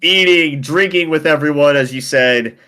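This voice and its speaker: A man's voice: fairly high pitch, moderate pace, bright, forceful tone, smooth. A man narrating as game master of a tabletop game, casual and peppered with fillers.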